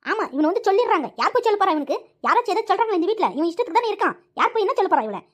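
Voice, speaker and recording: Woman voicing a shrill scolding village mother. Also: animated, very fast. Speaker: cartoon voice actor.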